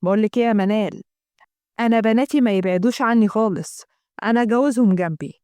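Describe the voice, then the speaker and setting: A woman voicing a stern, gruff Egyptian father who brushes off his wife. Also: on the high side, fast talker, mellow, no echo, clean studio sound, lightly acted. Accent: Egyptian Arabic. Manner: gruff, dismissive. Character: stern old-fashioned father, a man.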